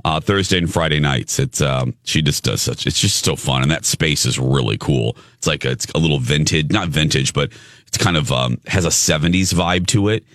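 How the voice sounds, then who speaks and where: Low-voiced man hosting casual banter. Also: normal speed, fairly bright tone, no echo, studio quality. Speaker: talk show host.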